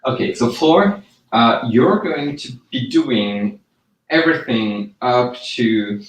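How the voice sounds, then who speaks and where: A man's voice: mid-range voice, lively intonation, slow. Roomy-sounding man directing a shoot. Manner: explains patiently with many fillers and restarts. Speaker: video director. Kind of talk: directing actors on a video shoot. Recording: echoey room.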